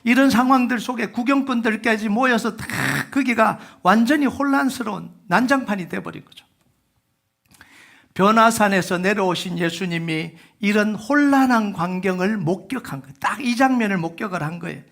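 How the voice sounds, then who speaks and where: A male pastor preaching a Sunday sermon in a church, talking to his congregation like a conversation. His voice sits high for a man and has a gravelly edge. He keeps asking rhetorical questions and calls on the room to read scripture with him. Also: moderate pace, fairly bright tone. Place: church sanctuary.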